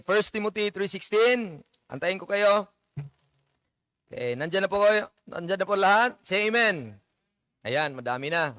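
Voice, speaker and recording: Male pastor preaching, playful and joking w the congregation, high voice, dry sound. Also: bright, forceful tone, dry recording. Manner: playful, mixes Tagalog and English, jokes with the congregation. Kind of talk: sermon. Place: church.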